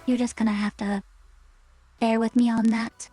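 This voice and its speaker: A woman's voice: fairly high pitch, flat delivery, moderate pace, dark tone, husky, dry recording, soft background music. A woman VTuber chatting casually on stream through a staticky voice changer that cuts out, rambling with hesitant fillers.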